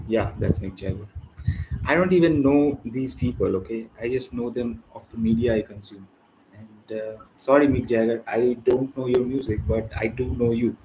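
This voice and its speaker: A man hosting a live cricket watchalong, rambling and chatty with slang and sudden excited bursts over the play. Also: medium pitch, normal speed, slight background noise, rough recording. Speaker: watchalong host. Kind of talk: casual live cricket commentary.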